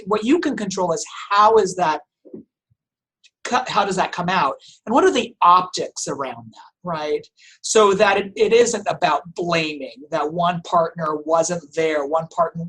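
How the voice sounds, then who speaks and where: Halting, thoughtful man from Portugal. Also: high-pitched, a bit bright. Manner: thoughtful, halting with many restarts and fillers. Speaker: family law attorney guest. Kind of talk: conversational podcast interview.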